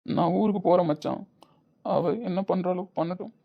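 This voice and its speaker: A man's voice: high voice, fairly even intonation, normal speed, vocal fry, highs cut off. A man voicing a guilt-ridden lovesick husband. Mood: despairing. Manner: emotional, pleading.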